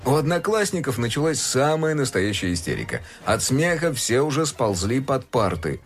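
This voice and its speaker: Brief: a man reading a children's story aloud, lively swinging pitch, faint music underneath. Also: moderate pace. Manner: expressive, animated storytelling. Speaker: narrator.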